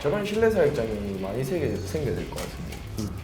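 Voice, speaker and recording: A man's voice: mid-range voice, big pitch swings, brisk. A man, a military veteran on a panel, speaking in a Korean military style that loosens into casual review talk. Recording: roomy sound with music behind.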